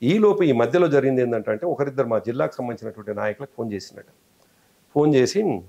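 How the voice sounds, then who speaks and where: A man's voice: mid-range voice, expressive, quick pace, gravelly, mellow. A man with a Telangana Telugu accent, an interview guest telling a long story and acting out quoted speech.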